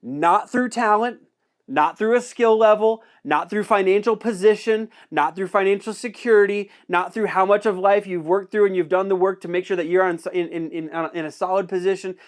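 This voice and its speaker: High-pitched guy preaching, chatty sermon, keeps repeating himself for emphasis. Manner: conversational, repeating key phrases for emphasis. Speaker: pastor.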